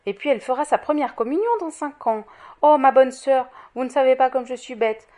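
A woman's voice: high voice, a little fast, dark tone, close to an everyday voice. A woman voicing a feverish young mother who pleads impetuously for her child. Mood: dreamy.

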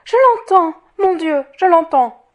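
A woman's voice: high-pitched, moderate pace, lo-fi sound, close to an everyday voice. A woman voicing a feverish young mother who pleads impetuously for her child. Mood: rapturous.

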